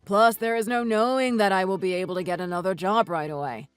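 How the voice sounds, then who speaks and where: A man voicing a husband who hedges and makes excuses, over soft music. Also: high voice, fairly even intonation, a little fast, clear, resonant tone. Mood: excusing. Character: evasive, self-excusing husband. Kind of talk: read-aloud text-message story. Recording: dry voice with soft music underneath.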